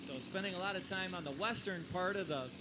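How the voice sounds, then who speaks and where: High-voiced male tractor pull announcer. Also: brisk. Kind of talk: live motorsport commentary with driver background and stats. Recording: clear engine and vehicle noise behind. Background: vehicle noise at a tractor pull.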